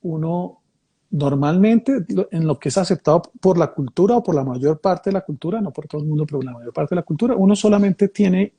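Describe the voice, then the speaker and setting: Fairly quick and lively in intonation, a man with a high, dark, husky voice leads a reflective conversation. He was born in Mexico and raised in Colombia, and he explains his ideas thoughtfully, often rephrasing and repeating himself.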